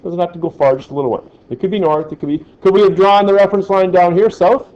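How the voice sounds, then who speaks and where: A man's voice: high-pitched, fairly even intonation, fast talker, a little mellow. Jokey male teacher in an echoey classroom. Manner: jokey, keeps checking in with "right?". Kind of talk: classroom lecture. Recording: echoey, dull lo-fi classroom recording.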